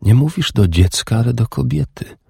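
A man voicing a sensual young woman in an audiobook, speaking softly and intimately with a raised voice. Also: medium pitch, lively intonation, normal speed, creaky, breathy edge, no echo, clean studio sound, voice pushed up, heavily acted. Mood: tender, wounded. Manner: soft, intimate, teasing. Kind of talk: audiobook dialogue.

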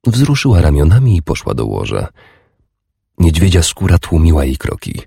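A man reading a historical romance audiobook in a slow, measured and sensual way. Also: extremely low pitch, huge pitch swings, creaky, warm tone, husky, dry recording, studio quality. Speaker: audiobook narrator. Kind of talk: scripted narration.

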